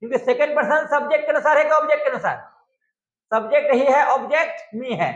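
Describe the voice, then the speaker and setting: A man teaching a grammar lesson, coaxing students with question after question. His voice sits very high for a man. The recording is echoey and a little dull. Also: quick pace, fairly bright tone. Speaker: English teacher. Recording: echoey, dull lo-fi room sound.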